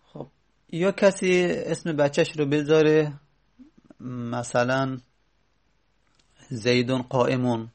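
A male teacher working through a grammar lesson in a plain, mid-pitched voice. He explains patiently and repeats key points. He pauses with fillers as he goes and slows right down on each example. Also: level tone, darkish tone.

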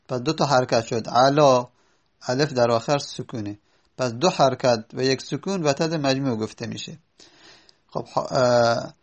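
A man lecturing in a slightly high, gravelly voice. He walks through his examples slowly, letter by letter, with patient pauses and fillers. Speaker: teacher of Arabic prosody. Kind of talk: spoken lecture.

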